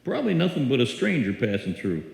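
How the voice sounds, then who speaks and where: In a live old-time radio drama staged in an echoey hall, an amateur actor plays a folksy small-town drugstore clerk, sheepish and apologetic. His medium-pitched voice is a little mellow, with vocal fry, big pitch swings and fast, hesitant, stammering speech.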